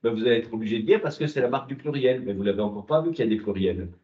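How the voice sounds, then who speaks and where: A man with a lowish voice lectures a university class at a racing pace, asking rhetorical questions and answering them himself. The recording is muffled, with classroom echo.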